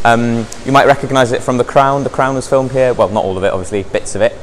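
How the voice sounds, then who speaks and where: On a lapel mic, a young college outreach officer from North Wales gives a cheerful, casual walking tour across campus grounds and indoor halls, sprinkling in plenty of ums and likes. His medium-pitched voice is fairly even and fast, with slight background noise.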